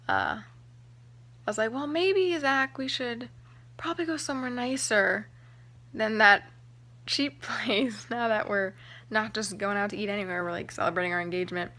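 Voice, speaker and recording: Chatty excited young woman vlogger. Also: medium pitch. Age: young adult. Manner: chatty, excited, heavy use of "like" and "um". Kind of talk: casual storytelling to camera.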